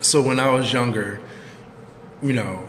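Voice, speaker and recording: A man co-hosting a live chat, speaking in an earnest and measured way about personal struggles. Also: medium pitch, a bit bright, in a large hall, slight background noise. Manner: measured, heartfelt, speaks in long sentences. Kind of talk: earnest, reflective sharing.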